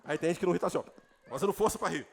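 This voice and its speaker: A Brazilian man with a Brazilian Portuguese accent, a pastor preaching a lively sermon with jokes and sudden loud declarations at a church retreat. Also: sits high, very fast, gravelly.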